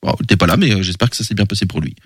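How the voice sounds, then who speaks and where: A man's voice: fairly low pitch, very fast, husky, no echo. A man hosting a radio show in casual studio chat, rambling with many fillers and self-corrections.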